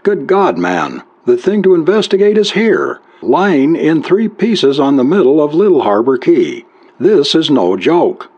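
A man's voice: lowish voice, sing-song, measured pace, a little mellow, breathy edge, exaggerated voice. A man voicing a male yacht skipper, urgent and impatient on the radio. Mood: shouting. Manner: impatient, insistent. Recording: dull lo-fi recording.

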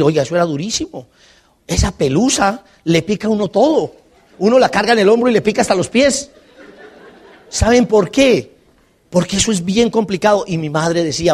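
A Colombian man speaking as a motivational speaker, telling humorous life stories to a live audience and asking them questions. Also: sits high. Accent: Colombian Spanish. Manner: animated, asks the audience questions and jokes. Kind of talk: live storytelling talk to an audience.

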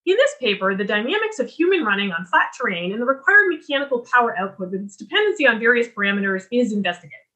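A woman giving a recorded lecture on writing, explaining clearly and restarting her sentences as she talks. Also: fairly high pitch, fairly bright tone. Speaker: writing instructor.

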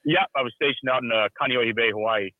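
A middle-aged man talks fast and loose over a thin, tinny cell phone line. His speech is dry, with no room around it. He rambles easily between stories and tosses in "dude" as he goes. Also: medium pitch, no echo. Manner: laid-back, rambling, says "dude" often. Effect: heard over a cell phone line. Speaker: caller. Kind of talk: casual chat.

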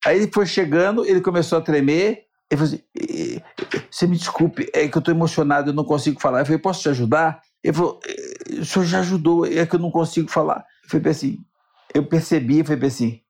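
A man's voice: a little high, fast talker, a little mellow. A Brazilian man, a motivational speaker and interview guest, telling a personal story earnestly and acting out the dialogue.

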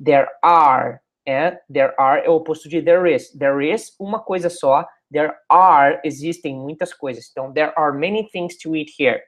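A middle-aged woman with a Brazilian Portuguese accent teaching English in a casual video lesson. She explains in a chatty way and says English words slowly and carefully. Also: low-pitched.

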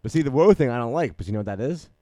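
A man's voice: medium pitch, animated, rapid-fire, warm tone, no echo. A man in casual podcast chat about movies, easygoing and hesitant, with frequent ums.

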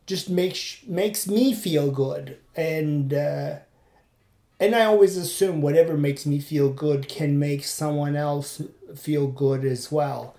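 With a mellow voice on the high side and a roomy sound, this podcast host and comedian from Turkey muses aloud while running. The monologue is casual, rambling, reflective, and full of fillers.

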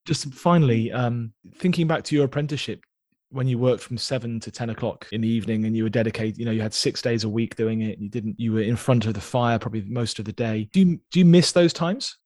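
A man hosting a podcast, interviewing a guest and then reflecting on the conversation in an earnest, measured way. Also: medium pitch, a little mellow. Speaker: podcast host.

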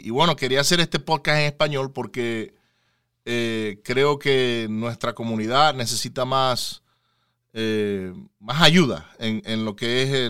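A man hosting a Spanish-language podcast interview, casual and halting, with lots of fillers and repeated words. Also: mid-range voice, fairly bright tone, clear, resonant tone, no room sound, clean studio sound. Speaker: podcast host. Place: lives near Houston, Texas.

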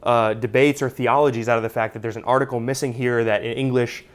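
Speaking fast in a mid-range voice with fairly even intonation, a man leads an informal Bible study, his unscripted teaching sprinkled with "uh" and "you know".

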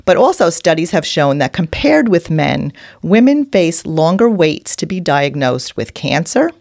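Female, New York accent, low-pitched, dry sound, conversational health podcast co-host. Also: very animated, unhurried, vocal fry, darkish tone, dry recording.

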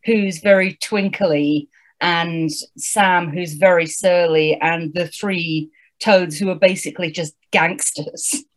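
A woman's voice: fairly low pitch, takes it slowly. A woman co-hosting a casual book-chat podcast, wry and thoughtful, reading passages aloud with relish. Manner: thoughtful, wry, lively reader. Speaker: podcast co-host.

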